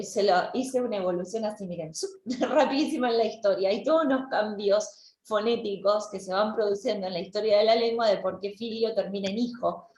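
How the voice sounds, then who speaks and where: A woman's voice: on the high side, echoey room. A woman, lecturing an online language class and explaining step by step with frequent restarts. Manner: explanatory, with many restarts and repeated words. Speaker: language teacher.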